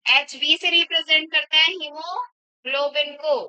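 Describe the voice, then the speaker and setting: A woman's voice: sits high, steady tone, a little slow, pushed and bright, dry recording. A woman biology teacher lecturing in a classroom, asking the class questions and repeating their answers back, in a dull lo-fi recording. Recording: dull lo-fi sound.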